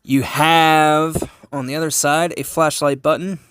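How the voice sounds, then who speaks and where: A hobbyist man with a fairly high, bright voice and a clear, resonant tone reviews a gadget hands-on in a casual, unscripted way. His delivery is flat and measured as he explains and fields his own questions, filming on a phone camera held during the demo. The audio is studio quality with no room sound.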